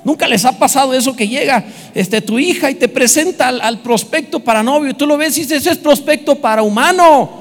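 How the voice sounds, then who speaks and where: Lively high-voiced pastor preaching in a hall. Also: male voice, a little fast, few pauses. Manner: lively, humorous preaching with asides to the congregation. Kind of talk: sermon.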